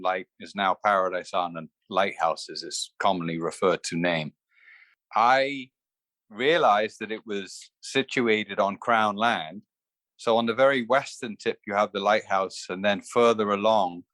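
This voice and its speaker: A man's voice: lowish voice, a bit bright, no echo. A man from the Bahamas, an entrepreneur speaking as a guest over a video call, earnest and repeating himself as he explains.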